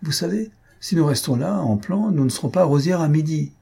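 A man's voice: fairly high pitch, lively intonation, moderate pace, dark tone, pitched above the performer's own voice, natural voice. Man doing a breezy careless husband. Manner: breezy, offhand.

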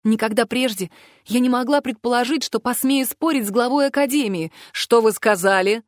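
A woman with a fairly high voice reads a novel aloud in the first person, expressive and steady. The sound is dry and close. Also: brisk, dry recording. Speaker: audiobook narrator. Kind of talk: scripted narration.

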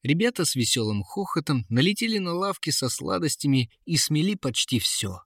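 A man narrating a fairy tale audiobook in a lively, expressive way. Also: on the high side, moderate pace, dry recording, studio quality.

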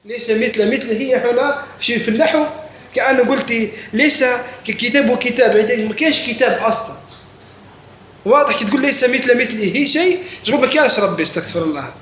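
Very high-pitched and fairly bright, this religious teacher's voice moves fast with lively intonation as he leads a class. He often stops to question students and confirm they follow, recorded amid echo and faint noise.

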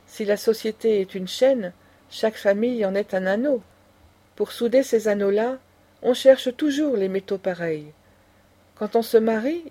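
A woman's voice: a little high, mellow, natural voice. A woman voicing an indignant aristocratic old grandmother who lectures with passion. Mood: lecturing. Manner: impassioned, lecturing.

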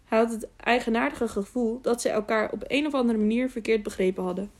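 Mellow-voiced woman reading a novel aloud. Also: on the high side, fairly quick. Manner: steady reading with small slips and self-corrections. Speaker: audiobook narrator.

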